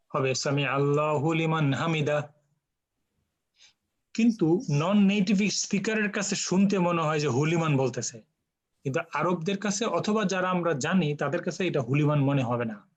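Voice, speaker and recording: A man's voice: a little high, normal speed, lo-fi sound. Patient man teaching over a call. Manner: patient, explains with examples, mixes in English. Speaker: Quran Arabic teacher. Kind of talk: online class discussion.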